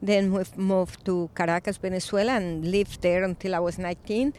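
A woman's voice: fairly low pitch, steady tone, clean tone. Reflective Colombian-born woman priest. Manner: reflective, soft-spoken with frequent pauses and fillers. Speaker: Episcopal priest. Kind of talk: recorded interview.

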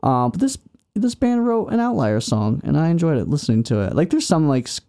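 A man's voice: on the high side, big pitch swings, a little fast, vocal fry, mellow, smooth. A young man co-hosting a music podcast, chatty and casual, full of ums and likes. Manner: chatty, laughs often, lots of fillers like um and like. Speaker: podcast co-host. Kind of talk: casual chat about music.

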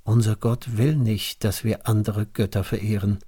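A man's voice: fairly low pitch, fairly even intonation, normal speed, warm tone, husky. A man voicing steadfast young men who firmly refuse a king, in a storybook reading. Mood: defiant. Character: three steadfast young men, calm and defiant.

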